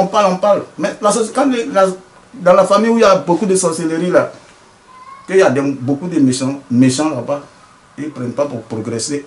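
A man explains his work as a traditional healer, his voice sitting a little high. He talks earnestly and often breaks off to restart his sentences. The recording carries a clear echo from the room. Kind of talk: interview answers.

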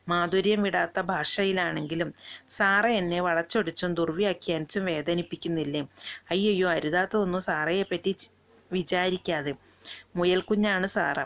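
A woman teacher who reads passages from a short story aloud, then slowly and patiently explains each one in plain words. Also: mid-range voice. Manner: slow and patient, pausing often to paraphrase each passage. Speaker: literature teacher.

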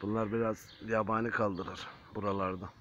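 A man filming a vlog outdoors, talking to his viewers and softly calling stray cats and dogs over. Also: on the low side, flat delivery, brisk, dull audio. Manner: coaxing animals with soft repeated calls. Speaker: vlogger feeding stray animals. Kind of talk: casual vlog talk to viewers. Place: outdoors by a building. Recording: faint outdoor noise. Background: faint outdoor ambience with animals and birds.

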